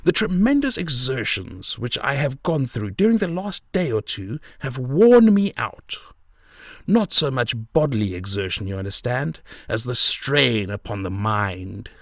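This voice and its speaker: A man's voice: medium pitch, sing-song, measured pace, dry recording, clean studio sound, voice pushed up. A man voicing a boastful, self-satisfied police detective in an audiobook, with a gleeful, bragging manner. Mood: weary, proud. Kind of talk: audiobook character voice.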